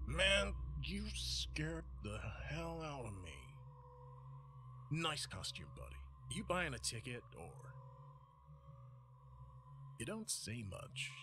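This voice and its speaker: A man's voice: mid-range voice, sing-song, slow pace, long pauses. A man playing a rattled, sarcastic, foul-mouthed cinema ticket clerk in a naturalistic horror game style. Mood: startled, sarcastic. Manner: sarcastic, exasperated. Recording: noisy game stream capture.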